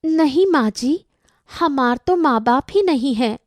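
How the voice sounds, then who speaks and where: A woman plays a simple young village bride who talks back innocently, with a Bihari accent. Her voice is high and sing-song, and her lines come slowly, recorded close and dry. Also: lively intonation, darkish tone, no echo. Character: naive, cheeky young village daughter-in-law. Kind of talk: cartoon voice acting.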